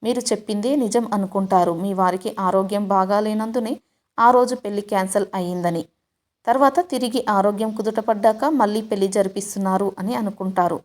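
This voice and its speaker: A woman voicing a stern elderly grandmother in a storybook, speaking with measured reproach. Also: medium pitch, a little mellow, close to an everyday voice. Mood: persuasive.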